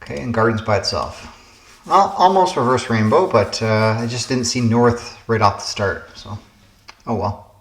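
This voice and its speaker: A man's voice: medium pitch, moderate pace, echoey room. A man hosting a puzzle game channel, casually thinking aloud through word puzzles, musing and hesitating as he guesses.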